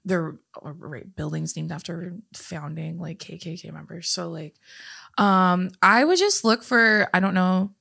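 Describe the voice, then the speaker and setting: A woman's voice: lowish voice, measured pace, vocal fry, bright, forceful tone, breathy edge. A young woman co-hosting a podcast who tells stories in a loose, chatty way with offhand asides. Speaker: podcast co-host. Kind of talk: casual chat.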